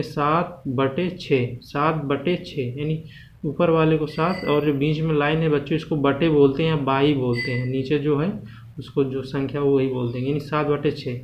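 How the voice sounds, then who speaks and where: A man teaches a maths lesson to children. He asks them questions, answers them himself, and slows down to stretch out the numbers. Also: on the high side. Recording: dull, lo-fi home recording with faint background hiss.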